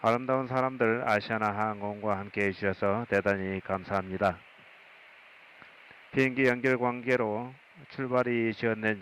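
A man's voice: lowish voice, a bit bright, poor audio. A man with a Korean accent, an airline captain giving a formal scripted in-flight announcement. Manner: formal, measured phrasing. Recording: hissy aircraft PA.

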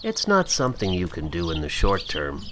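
A man with a very low voice reads a scripted promotional voice-over from Canada, his pitch rising and falling with plenty of movement. His delivery is calm and unhurried. A faint hiss of noise sits under the close-miked recording. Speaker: narrator.

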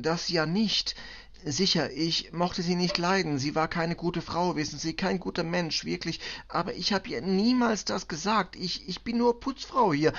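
A man voicing a distraught middle-aged immigrant cleaning woman, who speaks halting, broken German with a Balkan accent through tears. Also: sits high, gravelly, fairly bright tone, lo-fi sound, pitched above the performer's own voice, exaggerated voice. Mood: desperate. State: tearful.

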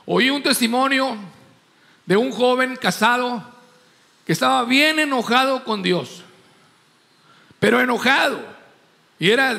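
High, gravelly-voiced pastor preaching in a hall. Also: male voice, sharp tone. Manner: emphatic preaching, acts out voices in anecdotes. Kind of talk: sermon. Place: church hall. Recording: long church hall reverb.

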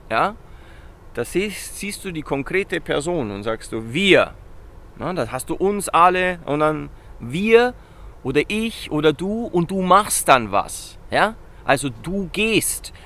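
A man with a fairly high voice giving a relaxed beginner language lesson outdoors in a town. He keeps asking his viewers questions and repeats each example word slowly and loudly. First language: Italian. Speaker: Italian teacher. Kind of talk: casual video lesson.

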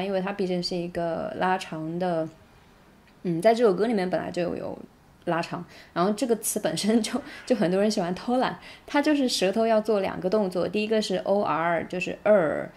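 A woman whose first language is Mandarin Chinese, teaching English song pronunciation in a casual tutorial and demonstrating lyrics slowly word by word. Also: lowish voice, a little mellow.

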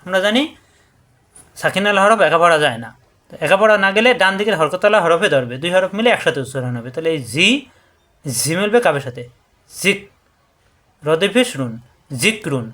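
A man teaching Quran reading rules. He explains step by step, and he drills syllables slowly and over again. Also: fairly high pitch, animated, sharp tone. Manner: slow, repetitive drilling of syllables. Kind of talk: tajweed lesson.

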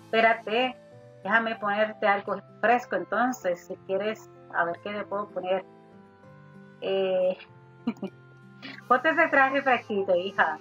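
A woman's voice: mid-range voice, takes it slowly, pauses often, a bit bright. A woman giving casual gameplay commentary, chatting to her character as "daughter" and swearing mildly. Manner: chatty, talks to her sim as "hija", mild swearing. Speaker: gaming youtuber. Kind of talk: casual let's play commentary. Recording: slightly dull audio with faint game music.

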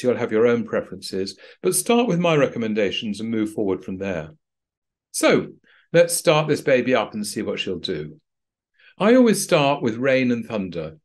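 Man with lively pitch, practical walkthrough. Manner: plain, practical, dryly understated. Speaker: flight training instructor. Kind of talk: screen-recorded tutorial narration.

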